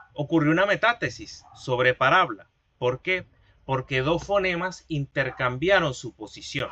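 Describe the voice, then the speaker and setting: Bright, didactic male teacher on a call. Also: a little high, no echo, lo-fi sound. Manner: slow, didactic, repeats key terms and asks rhetorical questions. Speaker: university linguistics teacher. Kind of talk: online class lecture.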